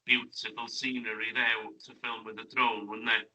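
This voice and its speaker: A man's voice: mid-range voice, level tone, normal speed, bright, forceful tone, rough recording. A man, chatting as an interview guest and asking friendly tag questions. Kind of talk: casual interview chat. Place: classroom radio studio.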